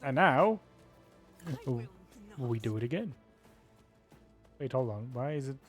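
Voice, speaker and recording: A man's voice: mid-range voice, normal speed, dark tone, faint music behind. A man commentating live gameplay as a streamer, joking at himself and swearing and exclaiming at what happens on screen. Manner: self-mocking, swears and exclaims at the game.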